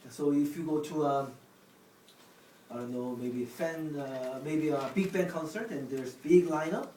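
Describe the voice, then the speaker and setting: A man explains words in a casual, halting way, restarting his sentences. His voice sits a bit high. He sounds distant in an echoey room, with faint noise underneath. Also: darkish tone. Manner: halting, restarts, non-native phrasing. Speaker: vlog host explaining words.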